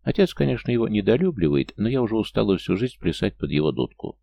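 Brash spoiled rich girl, haughty and grumbling, a man with a low creaky voice doing her lines. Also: sing-song, fast, muffled recording, full character voice.

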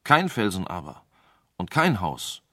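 A man's voice: low-pitched, wildly swooping pitch, a little slow, sharp tone, dry recording, studio quality, full character voice. A man voicing a scornful tyrant king. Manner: scornful, imperious. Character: cruel mocking old male king. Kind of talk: radio play reading.

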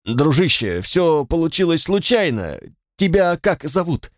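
A man's voice: on the high side, sing-song, unhurried, dry recording, clean studio sound, voice pushed up. A man reading an audiobook voices a fat, shaggy young man who talks in a whining, pleading way. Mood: coaxing. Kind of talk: audiobook character voice.

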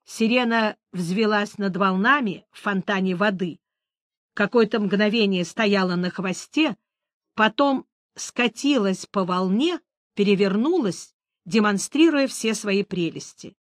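A woman narrating an audiobook in a measured, expressive reading. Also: medium pitch, no room sound, studio quality. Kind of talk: scripted narration.

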